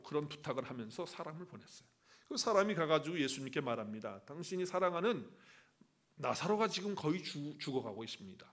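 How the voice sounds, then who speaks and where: Male pastor, sermon delivery, animated storyteller with big pitch swings, slightly high voice. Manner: animated storytelling preacher, asks and answers his own questions. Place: church.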